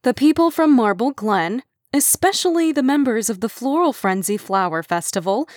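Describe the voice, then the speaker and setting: A haughty committee woman drags out her words with open suspicion, as a woman narrator puts her on. The voice is pitched well above the reader's own, in a dry, close recording. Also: expressive, normal speed, a little mellow, no room sound.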